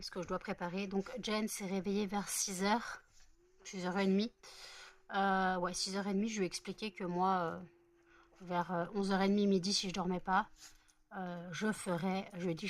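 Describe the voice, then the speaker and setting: A woman's voice: mid-range voice, slight background noise. A woman who has not slept yet, chatting in a rambling home vlog with many fillers. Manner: chatty and rambling, many fillers, coos softly to her dogs. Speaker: vlogger. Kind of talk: casual vlog chat.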